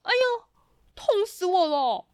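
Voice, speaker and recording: A woman's voice: high-pitched, very animated, moderate pace, dry recording, clean studio sound, voice pushed up. A woman voicing a friendly, cheerful grown man in a children's storybook. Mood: pained.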